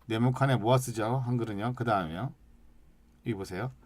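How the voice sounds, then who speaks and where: A man teaching an English lesson, stretching out sounds and syllables slowly as he demonstrates, and asking the class questions that he then answers himself. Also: mid-range voice, darkish tone. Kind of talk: lecture with slide examples.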